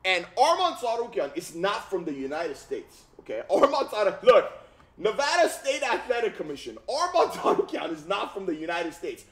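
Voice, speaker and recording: This is casual reaction commentary on fight news from a thirtysomething Armenian-born YouTuber in his home gaming room, using a headset microphone. He talks at a moderate pace in a high voice, animated and slangy, repeating himself and tossing in "bro" and "okay?" again and again.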